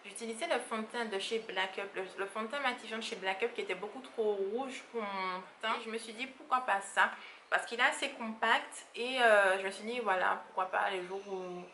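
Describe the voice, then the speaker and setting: Bright-voiced chatty beauty vlogger woman. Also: medium pitch, echoey room, a little hiss or hum. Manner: chatty and rambling, with frequent fillers and laughs. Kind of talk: casual monthly favorites vlog.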